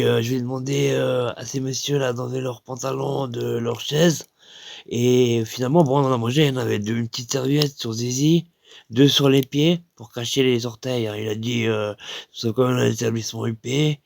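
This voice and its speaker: A man's voice: mid-range voice, fairly even intonation, moderate pace, creaky, darkish tone, no room sound, clean studio sound. A man with a French accent telling a rambling comic anecdote, full of hesitations and acting out other people's lines. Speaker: comic storyteller.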